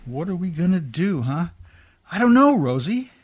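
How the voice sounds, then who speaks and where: An actor in old-time radio drama style plays a warm, rough-spoken riverboat man in love, using colloquial, hearty talk. His high voice is very animated and exaggerated at a normal speed, with a worried, resigned mood.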